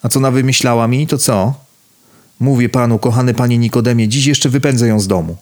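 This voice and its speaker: A man reading the part of an old father in an audiobook, speaking quietly, slowly and with control. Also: mid-range voice, fairly even intonation, close to an everyday voice. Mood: controlled. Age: older.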